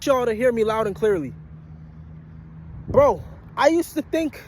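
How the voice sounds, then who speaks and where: With a very high voice that swings widely in pitch, this twenty-something vlogger and aspiring musician speaks at a measured pace. Fresh off a long work shift, he rants bluntly and profanely to his viewers, hammering the same motivational points again and again.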